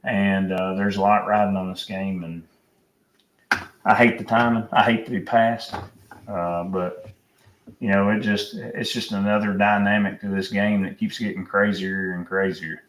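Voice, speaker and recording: A man's voice: lowish voice, fairly even intonation, unhurried, fairly bright tone. A man hosting a casual sports chat, rambling with many fillers. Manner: rambling, filler-heavy storytelling. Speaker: podcast host. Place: home room at night. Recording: roomy echo, distant mic, faint noise.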